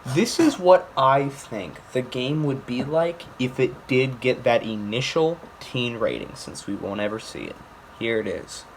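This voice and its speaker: A man's voice: medium pitch, lively intonation, unhurried, a little hiss or hum. A young man giving a casual, comedic video game review, sarcastic and jokey, ranting with mock outrage.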